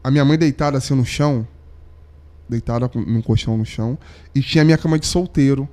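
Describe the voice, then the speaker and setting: A man's voice: medium pitch, quick pace, warm tone. A young adult man, a podcast guest telling a moving personal story in slangy, heartfelt chat, sometimes dropping nearly to a whisper. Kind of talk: emotional storytelling in casual chat.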